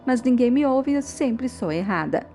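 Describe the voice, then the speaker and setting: A woman's voice: a little high, expressive, moderate pace, dark tone, soft background music, natural voice. A woman reading out a bitter accusing soap mother. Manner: bitter, demanding, repeated challenges. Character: distraught accusing middle-aged mother.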